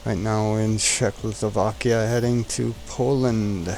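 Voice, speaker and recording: In a low-quality recording with slight background noise, a flight sim streamer casually chats, jokes and talks to his aircraft as he sets it up. His lowish, slightly mellow voice is flat and unhurried.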